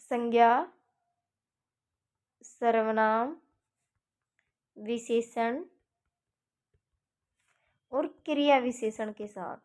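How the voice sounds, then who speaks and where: A woman's voice: on the high side, extremely slow, pauses often, darkish tone. A woman teacher giving an exam-prep grammar lesson, explaining step by step and repeating each example before checking in with her students.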